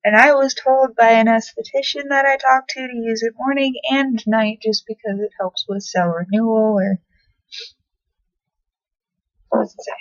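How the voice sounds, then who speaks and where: A young woman's voice, on the high side with fairly even intonation, moves at a moderate pace with few pauses. She's a beauty vlogger casually rambling through her skincare and makeup routine in her bedroom, swearing offhandedly. The laptop built-in mic yields dull, dry audio with no echo.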